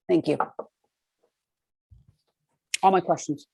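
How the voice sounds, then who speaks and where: A woman commissioner asking careful, halting questions at a public meeting. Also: on the low side, fairly even intonation, creaky, darkish tone, slightly rough, no echo, low-quality recording.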